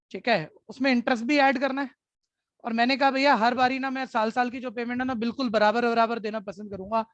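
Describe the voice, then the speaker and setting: A man's voice: extremely high pitch, no echo. A male commerce teacher explains things in a chatty lecture, repeating his key phrases and calling his students brother. The sound is dry and close, with no room around it. The recording is dull and lo-fi. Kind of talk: classroom lecture.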